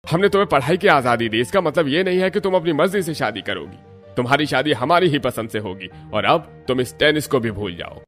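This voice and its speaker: A man's voice: mid-range voice, expressive, brisk, fairly bright tone, soft background music, natural voice. A man voicing a strict, domineering older father in a cartoon, stern and commanding. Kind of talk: cartoon voice acting.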